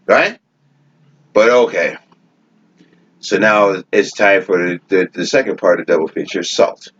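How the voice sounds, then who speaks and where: A man's voice: deep voice, a little slow, a bit bright. A man co-hosting a podcast, telling a story in casual chat, profane and often laughing. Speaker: podcast co-host. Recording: dull lo-fi podcast audio.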